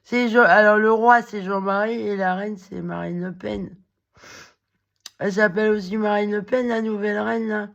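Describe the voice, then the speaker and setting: A woman with a cracked, hoarse voice, rambling in a halting monologue to the camera, full of fillers and restarts. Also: medium pitch, fairly even intonation, muffled recording. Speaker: vlogger.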